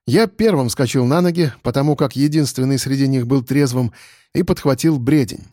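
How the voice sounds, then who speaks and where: A man's voice: medium pitch, normal speed, warm tone, no room sound, clean studio sound. A man giving wry, slangy first-person audiobook narration.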